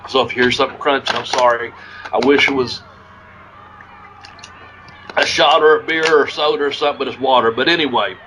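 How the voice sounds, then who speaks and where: A man's voice: medium pitch, brisk, pauses often, background noise. Rambling, profane man telling stories. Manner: rambling, profane, restarts often. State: losing his voice. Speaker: podcast host, former wrestler. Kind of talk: casual storytelling.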